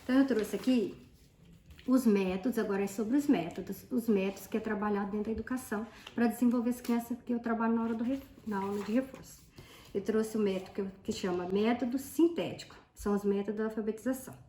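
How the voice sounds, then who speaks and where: A woman's voice: a little high, quick pace, mellow. A woman, a tutor explaining methods casually while showing worksheets and pointing things out. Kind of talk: casual teaching demonstration. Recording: echoey room, faint background.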